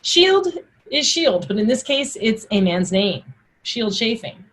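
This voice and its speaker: A husky-voiced woman teaching Old English pronunciation, reciting the old words and explaining them informally one by one. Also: on the high side, sing-song, unhurried, a bit bright.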